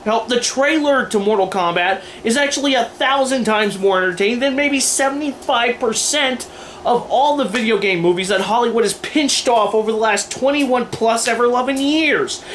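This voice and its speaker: Here a high-pitched, somewhat bright man offers sardonic commentary as a video commentator, mixing a scripted-style opinion piece with ad-libs. The home-camera recording, made indoors with a TV running, has noticeable background noise.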